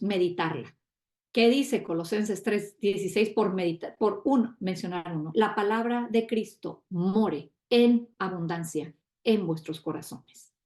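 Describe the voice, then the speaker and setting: Middle-aged woman, guest preacher, earnest and exclamatory, mid pitch, roomy echo. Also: a little mellow. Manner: earnest, exclamatory, quotes others in asides. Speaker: guest speaker.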